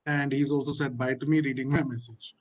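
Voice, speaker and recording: A man presenting a platform walkthrough on a video call, halting, with many fillers and restarts. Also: medium pitch, flat delivery, rough recording. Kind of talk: live webinar walkthrough.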